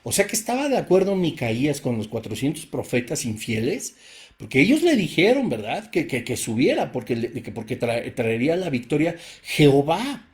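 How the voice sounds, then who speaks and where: A man with a Mexican accent leads a Bible study, reading verses aloud and explaining them through rhetorical questions. His voice is on the high side and sing-song at normal speed, and his casual delivery includes repeating himself and restarting phrases.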